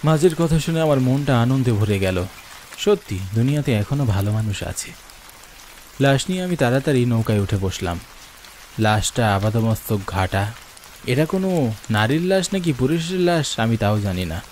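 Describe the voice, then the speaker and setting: Against clearly audible falling rain, a man narrates a horror story in the first person, dramatic and scripted. His medium-pitched, darkish voice is expressive and moves at normal speed, theatrical yet earnest.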